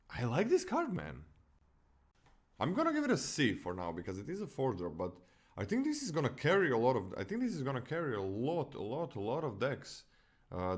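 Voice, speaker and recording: A man from Croatia with a Croatian accent, co-hosting a casual card-review podcast, often restarting and correcting himself. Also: medium pitch. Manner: animated, many restarts and self-corrections. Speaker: podcast co-host.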